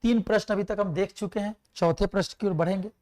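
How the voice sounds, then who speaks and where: A man's voice: high-pitched, fairly even intonation, fast, a little mellow. A man teaching an exam-prep math lesson, explaining step by step, asking questions and answering them himself, and reciting numbers and tables aloud.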